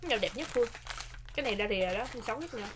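A young woman with a fairly high voice and a Southern Vietnamese accent chats casually as a mukbang co-host. She is jokey and repeats herself, with some background noise and clicking behind her. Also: expressive, very fast. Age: young adult. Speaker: snack tasting show co-host. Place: small indoor set with curtained backdrop.

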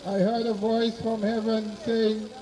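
A man officiating as clergyman, reading solemn burial prayers and scripture outdoors in measured, formal phrases. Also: high-pitched, level tone, dark tone. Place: outdoor cemetery on open grassy ground. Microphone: far camera behind the speaker. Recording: distant mic outdoors, faint noise.

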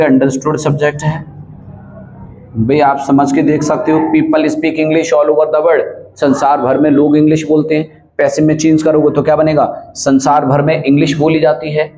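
A man's voice: a little high, mellow, a little hiss or hum, rough recording. A man teaching an English grammar lesson, explaining step by step and often asking checking questions.

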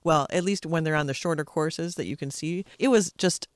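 A man's voice: on the high side, normal speed, dry recording, clean studio sound. A man co-hosting a casual interview, chatting enthusiastically. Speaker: co-host.

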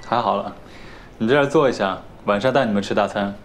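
A man's voice: lowish voice, fast, a little hiss or hum, close to an everyday voice. An actor in his twenties playing a mild, obliging young company heir and boyfriend in a TV drama, casual and accommodating. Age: 20s. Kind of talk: TV drama acting. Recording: background music.

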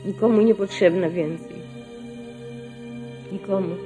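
An older woman recounting her own experiences as a witness, in a measured, reflective way that sometimes drops to a hush. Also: medium pitch, steady tone, soft background music. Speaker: survivor giving testimony. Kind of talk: spoken personal testimony.

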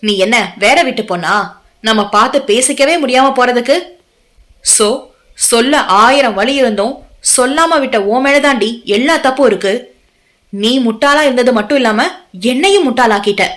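A woman's voice: a little high, normal speed, long pauses, a bit bright, natural voice. A woman voicing a bitter, betrayed young husband who scolds harshly in an audio novel. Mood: furious.

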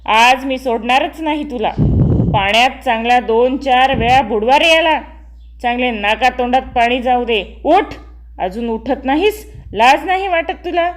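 Brief: stern storybook mother who barks sharp orders, high and tense, read by a woman narrator. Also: lively intonation, measured pace. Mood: angry, scolding. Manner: loud, scolding, sharp commands. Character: stern village mother scolding her son.

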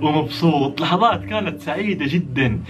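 Fast-talking Saudi man telling a comic story. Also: a little high, music in the background. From Saudi Arabia. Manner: animated, jokey, addresses viewers as guys. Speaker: vlogger storyteller.

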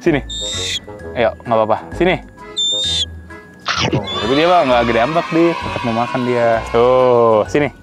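A man chatting excitably to viewers while handling and feeding a pet, talking outdoors. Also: medium pitch, normal speed, pauses often, loud music behind the voice. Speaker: animal vlogger. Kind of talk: casual vlog chatter.

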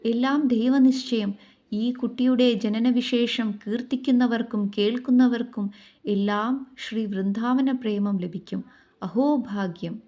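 A woman's voice: fairly high pitch, unhurried, dark tone. A woman voicing an elderly male Brahmin astrologer who makes solemn, reverent pronouncements in a devotional story.

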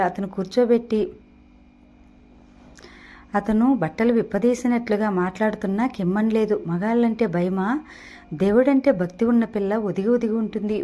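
Female audiobook narrator, mellow and warm, steady storytelling delivery, mid-pitched. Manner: steady storytelling narration, voicing dialogue lightly. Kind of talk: reading a Telugu audio novel.

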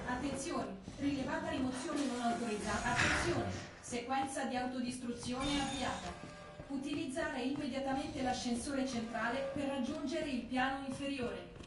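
A woman voicing a calm facility computer that gives automated loudspeaker announcements in an even, measured, repetitive way. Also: high voice. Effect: public address announcement over loudspeakers. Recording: echoey distant loudspeaker under loud music.

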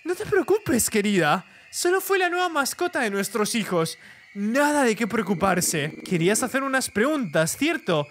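A man's voice: extremely high pitch, very animated, moderate pace, a bit bright, a little hiss or hum, voice pushed up, exaggerated voice. A man voicing a falsely sweet, sinister mother of a creepy family in a horror game, calling her captive dear. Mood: sweetly sinister.

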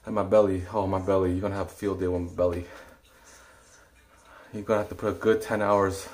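A man's voice: low voice, flat delivery, a little fast, darkish tone, slight background noise. A young man streaming a workout, chatting casually with viewers and short of breath from exercising. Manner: talks to chat while exercising, counting reps under his breath. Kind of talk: casual live-stream chat during a workout.

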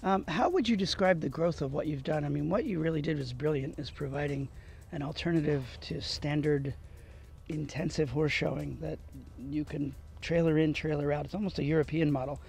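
A man's voice: a little high, fairly quick, gravelly, darkish tone. A middle-aged man interviewing a guest outdoors on a farm lawn, speaking into a handheld mic in an upbeat, encouraging way. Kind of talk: on-site interview. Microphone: handheld microphone.

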